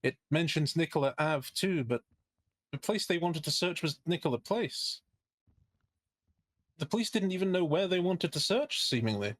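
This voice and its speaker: A man's voice: fairly high pitch, animated, normal speed, a bit bright, dry recording. A man playing a skeptical, indignant defense lawyer in a role-play game, giving a courtroom closing argument with pointed, sardonic rhetorical questions.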